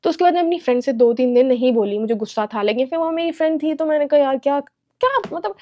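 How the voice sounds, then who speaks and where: A young woman from Pakistan telling a casual storytime vlog, animated, acting out quotes and mixing in English. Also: high voice, racing, lo-fi sound. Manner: animated, mixes English into Urdu-Hindi, acts out quotes. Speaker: vlogger.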